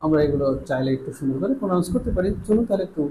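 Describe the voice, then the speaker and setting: This Bangladeshi-accented man runs an online English pronunciation class, slowly drilling sounds while alternating Bengali and English. He speaks high and expressively with a dark tone, over poor audio with a bit of background noise.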